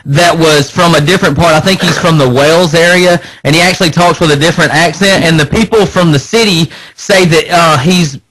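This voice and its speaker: Husky high-voiced folksy man. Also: brisk, few pauses, fairly bright tone, poor audio. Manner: folksy, joking. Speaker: radio co-host. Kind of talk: casual radio chat.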